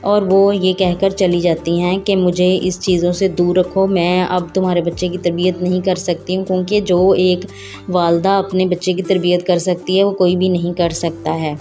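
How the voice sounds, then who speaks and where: A woman retelling the plot of a drama episode in an unhurried recap, with some hesitations. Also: lowish voice, flat delivery, warm tone, faint music behind. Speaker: drama reviewer.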